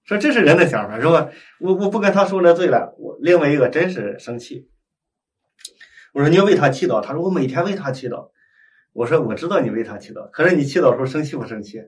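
Animated storytelling priest, slightly high voice. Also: male voice, fast. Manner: animated, acts out dialogue, frequent tag questions. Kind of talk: storytelling sermon. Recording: voice heard from a distance.

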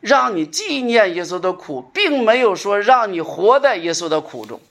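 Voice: mid-range voice, big pitch swings, normal speed, a bit bright. An earnest preacher delivers a sermon in a conversational tone. Phrases come back again and again for emphasis. Rhetorical questions and calls for the congregation to answer run through the talk.

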